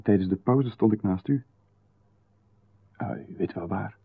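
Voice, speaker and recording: This gravelly, low-ish male voice with a breathy edge belongs to a Flemish-accented actor in a 1990s radio drama, heavily acted and unhurried. He plays a knowing stranger who keeps close watch, insinuating and coolly overfamiliar while staying calm and insistent, and the broadcast audio is narrow and phone-like.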